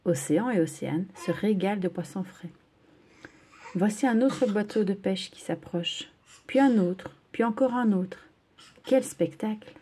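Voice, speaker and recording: Woman narrator for a kids' story, warm mellow voice, a bit husky, gentle and expressive. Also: mid-range voice. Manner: gentle, expressive read-aloud. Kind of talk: children's story reading.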